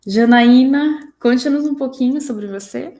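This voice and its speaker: Hosting a live-streamed panel, a Brazilian woman from São José do Rio Preto talks in a semi-spontaneous way. She sits high in pitch with a dark tone and a slightly slow delivery.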